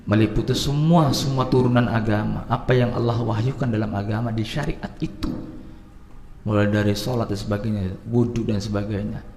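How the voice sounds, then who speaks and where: A man teaching at a religious study gathering, animated, swinging between loud and soft and mixing in Arabic phrases. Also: lowish voice, fairly quick, big-room sound, slight background noise. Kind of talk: lively Islamic study talk.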